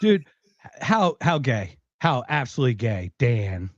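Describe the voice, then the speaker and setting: A man's voice: mid-range voice, sing-song, measured pace, no room sound, highs cut off. A man co-hosting a podcast, ranting with anger and exasperation, swearing constantly. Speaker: podcast co-host. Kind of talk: profane ranting commentary.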